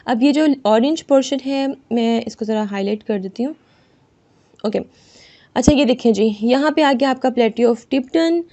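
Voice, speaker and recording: A woman teaching an exam-prep lesson over a screen recording, reading English lines slowly and explaining them with constant "theek hai" checks. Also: fairly high pitch, mellow. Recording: dull lo-fi voice-over.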